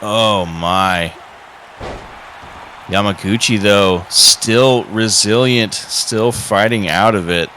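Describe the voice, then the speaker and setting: Deep, bright-voiced male wrestling commentator. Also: slow, slight background noise. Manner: conversational, analytical.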